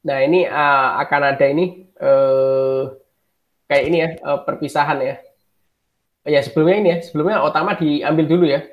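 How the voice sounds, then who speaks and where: A man with a fairly high, steady voice talks at normal speed in dull-sounding audio. He's a podcast co-host casually discussing a manga chapter, hesitant, filler-heavy and quick to laugh.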